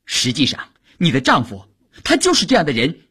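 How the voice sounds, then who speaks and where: A man's voice: a little high, wildly swooping pitch, normal speed, pushed and bright, husky, voice pushed up, full character voice. A man doing a jealous, sneering officer. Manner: sneering, agitated. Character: jealous, scornful male comrade officer.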